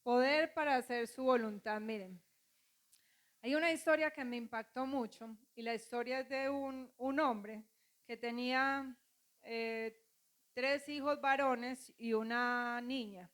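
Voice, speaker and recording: A woman's voice: fairly high pitch, fairly even intonation, takes it slowly, a bit bright. A woman pastor preaching a sermon, calling on the congregation to repeat after her and acting out quoted voices.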